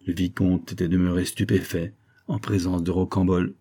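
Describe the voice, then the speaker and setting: A male audiobook narrator reads a classic novel in a measured, storytelling manner. His voice is low and husky with a dark, mellow tone. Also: flat delivery. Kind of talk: scripted narration.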